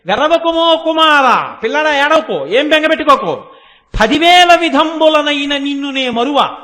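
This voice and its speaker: A man voicing a tender divine mother comforting her weeping son, in slow, drawn-out verse chanting. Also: very high voice, expressive, pushed and bright, voice pushed up, heavily acted. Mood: consoling.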